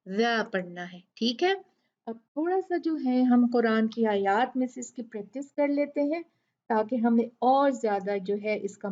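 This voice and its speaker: A woman teaching a tajweed pronunciation lesson, repeating each sound and word slowly for practice. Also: on the high side, darkish tone, dull audio. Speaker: Quran recitation teacher.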